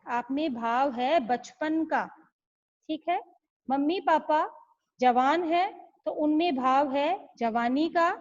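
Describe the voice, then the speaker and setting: A woman teaching young children an online lesson, patiently explaining and often checking if they understand. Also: sits high. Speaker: school teacher. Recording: slightly muffled lo-fi audio.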